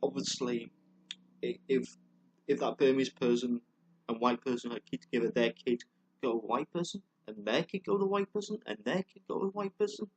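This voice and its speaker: The recording is poor, carrying a husky, medium-pitched voice. A vlogger launches into a heated, meandering tirade laced with profanity, tripping over himself and repeating words.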